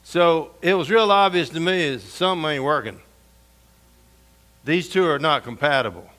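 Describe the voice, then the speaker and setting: A man's voice: a little high, lively intonation, normal speed. Folksy preacher man telling stories. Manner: folksy, humorous, drops to soft intense tone for scripture. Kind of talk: storytelling sermon.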